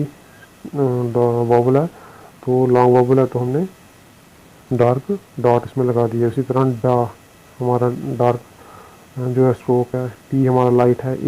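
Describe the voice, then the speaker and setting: An Indian-accented man teaching a recorded lesson, his voice held almost completely level in pitch. His tone is dark and mellow. He works through his points slowly, repeats himself and fills pauses with drawn-out "uh"s. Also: dull audio. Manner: slow, repetitive explanation with frequent fillers. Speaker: shorthand teacher. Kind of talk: recorded lesson explaining on a board.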